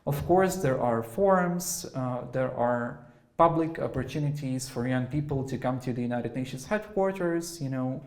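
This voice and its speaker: A man speaking on a panel in a measured, hesitant way with many fillers. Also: medium pitch. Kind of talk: panel discussion talk.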